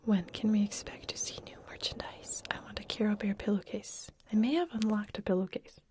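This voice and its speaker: A woman hosting an ASMR live stream, whispering softly as she reads out chat questions and answers them in a chatty way with lots of fillers. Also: mid-range voice, brisk. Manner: chatty with frequent fillers and restarts. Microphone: ASMR microphone with wind guards.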